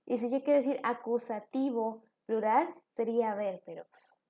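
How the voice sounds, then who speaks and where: A woman's voice: on the high side, moderate pace, mellow. A woman teacher giving a recorded online class, explaining step by step with examples.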